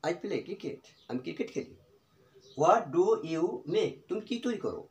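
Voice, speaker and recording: Middle-aged male teacher, patient and repetitive, somewhat high voice, roomy echoey sound. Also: sing-song, vocal fry. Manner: slow repetitive drilling of example phrases. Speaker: English teacher. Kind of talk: spoken English lesson in Bengali. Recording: echoey room.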